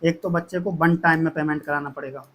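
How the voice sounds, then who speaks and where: A man with a notably high-pitched voice speaks to his students like a teacher. He explains plans step by step, often circling back and repeating himself to reassure them. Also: fairly even intonation, quick pace, a bit bright. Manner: repetitive, reassuring, addresses students as kids. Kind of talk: explaining course fees to students.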